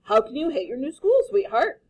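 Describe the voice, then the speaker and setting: A woman's voice: sits high, sing-song, a little fast, a little mellow, voice pushed up. A woman voicing an affectionate but firm father, cajoling his child in a storybook. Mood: reassuring.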